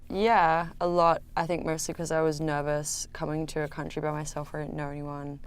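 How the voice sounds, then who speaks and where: A woman's voice: sits low, little pitch movement, a little fast, a little hiss or hum. A young Australian woman, a student giving casual answers in an interview. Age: young adult. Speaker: international art history student being interviewed.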